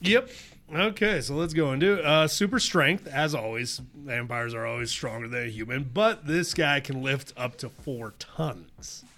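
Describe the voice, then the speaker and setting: A man's voice: mid-range voice, moderate pace, pushed and bright. A young adult man co-hosting a casual podcast, reading his notes and riffing with laughs. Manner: laughing, loose, reads notes then riffs. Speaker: podcast co-host presenting research. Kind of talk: casual chat.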